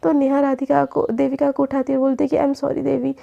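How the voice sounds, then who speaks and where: A woman's voice: high-pitched, little pitch movement, fast, vocal fry, mellow, lo-fi sound. A woman narrating a college romance story in a casual spoken way, voicing each character's lines herself.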